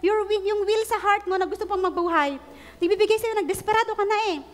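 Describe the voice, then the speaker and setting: A woman preacher, telling a story in her sermon with animated delivery and English phrases mixed in. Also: very high-pitched, fast. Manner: animated storytelling, acting out quoted prayers; mixes Tagalog with English phrases.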